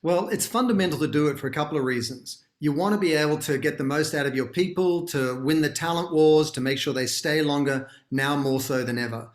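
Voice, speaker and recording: A man's voice: a little high, a little fast, hardly any pauses. Australian man in a roomy, echoey recording. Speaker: guest, consultancy founder and speaker. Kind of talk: interview conversation, explaining.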